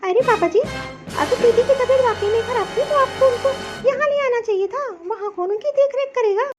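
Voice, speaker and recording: A woman's voice: very high voice, moderate pace, loud music behind the voice. A woman voicing an outspoken young daughter-in-law who scolds her family in a cartoon story. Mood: insistent. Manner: insistent, scolding.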